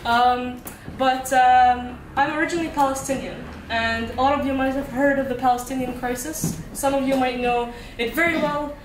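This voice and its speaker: High-voiced young woman reciting poetry. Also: fairly even intonation, normal speed, a little hiss or hum. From Qatar. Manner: conversational intro, then rhythmic repeated-line recitation. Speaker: spoken word poet. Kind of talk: spoken word poetry reading. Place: small cafe performance space, indoors. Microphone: handheld mic, filmed by a far camera. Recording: roomy, distant camera recording.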